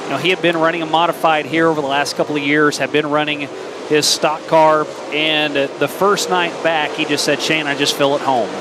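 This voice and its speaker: A man's voice: on the high side, little pitch movement, a little fast. An American man working as a motorsport commentator, calling dirt track racing in fluent announcer patter full of racing slang. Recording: noisy outdoor racetrack, engine roar behind.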